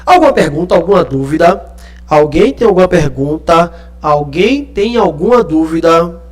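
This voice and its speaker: A man's voice: fairly high pitch, expressive, normal speed. A male teacher gives a live online class from home, checking in often with the students. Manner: checks in often with tag questions. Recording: echoey room with faint music.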